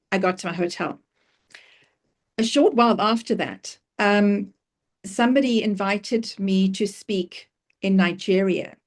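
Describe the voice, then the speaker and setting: A middle-aged woman from Africa, speaking to an audience and telling personal stories with emphatic questions. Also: mid-range voice. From South Africa. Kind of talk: talk to an audience.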